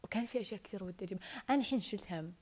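Fast-talking Saudi woman rambling. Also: medium pitch, a little mellow. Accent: Saudi Arabic. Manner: rambling, rushed, drops into whispers. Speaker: podcaster. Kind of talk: casual solo podcast chat. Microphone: wired earphone mic.

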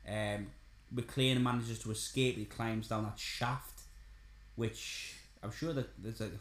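A man's voice: on the low side, steady tone, takes it slowly. A man, co-hosting a casual film chat podcast and talking in a chatty, repetitive way. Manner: chatty, repeats himself, frequent "aye". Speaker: podcast co-host. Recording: roomy echo.

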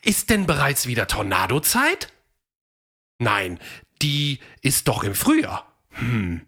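Lady doing a squeaky happy dino guy from a kids story, bouncy and breathy. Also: wildly swooping pitch, slow, a bit bright, full character voice. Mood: cheerful. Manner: high cheerful squeals. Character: friendly male dinosaur, cave-dweller, strong legs.

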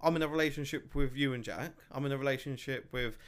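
A man's voice: medium pitch, fast talker, clear, resonant tone. A young man, co-hosting a casual podcast chat, laughing often and full of slang. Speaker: podcast co-host. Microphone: podcast mic.

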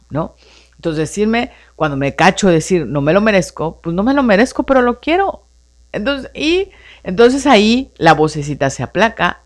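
Animated woman radio host. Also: low voice. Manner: animated coaching tone, rhetorical questions, frequent "entonces" and "no?". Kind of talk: live radio talk on personal growth.

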